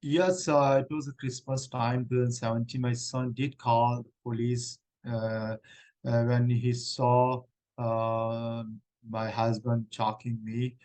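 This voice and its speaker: Here a man takes the part of a middle-aged woman seeking refugee status in a mock hearing, responding with earnest hesitation and frequent restarts. His mid-range voice has a darkish tone, shows little pitch movement, and is lightly acted. Audio quality is poor.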